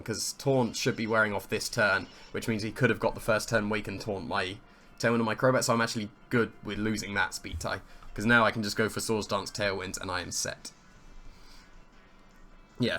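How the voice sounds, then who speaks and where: A man gives offhand play-by-play of his own competitive match, reasoning through his options out loud and amused at how he plays. He has a slightly hoarse, croaky voice that is fairly low and sharp in tone.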